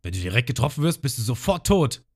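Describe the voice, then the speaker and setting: A man voicing a jittery young male sniper with a shrill, panicky voice. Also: very animated, fast, slightly rough. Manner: screeching, alarmed warnings.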